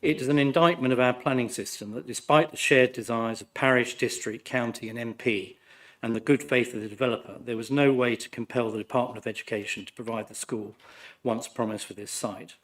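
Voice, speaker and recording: Man, croaky unwell voice, middle pitch, formal prepared council speech, measured, critical. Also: steady tone, fairly bright tone. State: croaky, recovering from flu. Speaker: ward councillor addressing a planning committee. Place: council meeting room.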